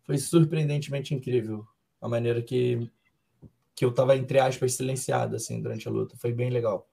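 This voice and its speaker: A young Brazilian man, a fighter being interviewed, who answers in a calm, reflective and philosophical way. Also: medium pitch, moderate pace, vocal fry, husky. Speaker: MMA fighter guest.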